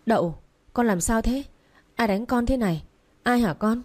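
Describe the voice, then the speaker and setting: Woman voicing a gentle young mother. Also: mid-range voice, a little fast, natural voice. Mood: alarmed.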